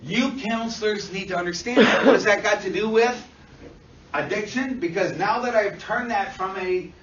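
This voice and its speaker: A man lecturing counselors in a classroom, animated, swearing freely and checking constantly that students follow. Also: high-pitched, moderate pace, a little hiss or hum. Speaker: instructor teaching counselors. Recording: dull roomy sound from far off.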